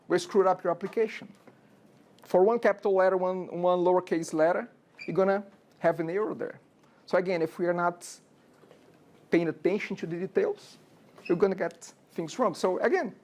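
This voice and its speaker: A man's voice: high-pitched, a little mellow. A man in his forties from Brazil, with a Brazilian accent, giving a casual classroom lecture as a programming instructor and often checking in with "okay?" and rhetorical questions. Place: university classroom.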